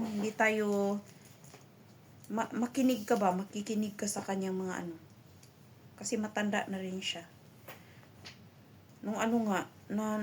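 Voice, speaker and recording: A woman's voice: medium pitch, slight background noise. A middle-aged woman from the Philippines chatting casually to her viewers, rambling with many fillers and restarts. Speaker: vlogger.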